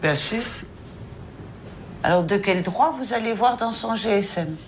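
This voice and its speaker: A woman's voice: mid-range voice, measured pace, slight background noise. A woman judge sternly questioning a defendant in her office. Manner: stern, pointed, interrogating. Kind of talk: courtroom questioning.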